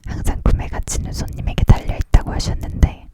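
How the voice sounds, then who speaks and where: A narrator reads a novel aloud for ASMR, leaning in to whisper. The delivery is hushed and fully whispered, carrying both narration and dialogue in the same soft, breath-only voice. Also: fast. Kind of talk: whispered ASMR audiobook reading.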